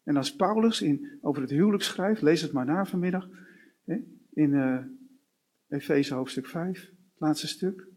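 A male preacher delivers his sermon at an unhurried, deliberate pace. His voice is slightly high for a man and carries a husky edge. He builds his points through strings of repeated short questions. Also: a little mellow. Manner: slow, with repeated rhetorical questions.

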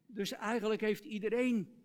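A male preacher giving an earnest sermon, reciting hymn lyrics and dropping to soft, tender tones. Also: high voice, fairly even intonation, moderate pace.

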